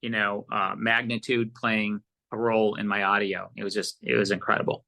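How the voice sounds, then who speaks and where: This man's fairly low voice carries vocal fry and moves at a moderate pace. He's a producer appearing as an interview guest, casually spinning animated, rambling stories and often acting out old conversations by quoting them.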